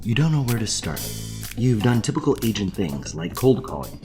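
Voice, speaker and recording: A man's voice: lowish voice, sing-song, normal speed. A man reading a scripted ad in short, punchy, upbeat lines. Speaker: ad voice-over. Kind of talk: scripted ad narration. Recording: voice-over with loud music. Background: guitar music.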